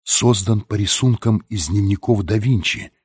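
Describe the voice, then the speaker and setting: A man reading a calm young woman's lines in an audiobook, in his own plain voice. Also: on the low side, moderate pace, husky, no room sound, clean studio sound. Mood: matter-of-fact.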